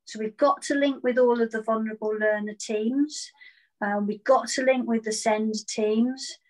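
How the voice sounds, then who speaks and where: Woman, 40s, earnest, fairly high voice, repeats words when starting, video call. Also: fairly even intonation, normal speed, a little mellow, rough recording. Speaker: virtual school head teacher. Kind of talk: online interview answers. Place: indoor room at home.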